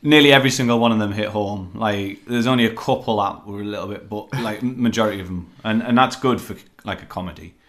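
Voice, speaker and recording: A man's voice: on the low side, fast, few pauses, fairly bright tone. A man hosting a casual film review chat, rambling and hesitant with lots of fillers. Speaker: film reviewer, podcast host.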